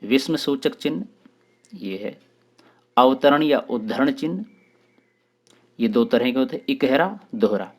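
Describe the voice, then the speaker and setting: This man hosts a channel and gives an expressive grammar lesson for exam takers. His voice is medium in pitch, and he explains each term in turn with short pauses.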